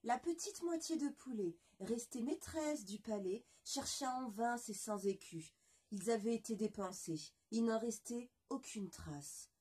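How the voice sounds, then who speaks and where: A woman storyteller reading a bedtime story aloud in a soft, expressive way and speaking fondly to children. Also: a little high, measured pace, husky.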